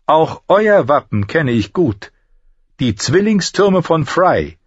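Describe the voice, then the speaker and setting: A man's voice: fairly high pitch, big pitch swings, husky, no echo, muffled recording, pitched above the performer's own voice, full character voice. A man voicing a composed noblewoman who speaks formally and with resolve in an audiobook. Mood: resolute. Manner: formal, measured.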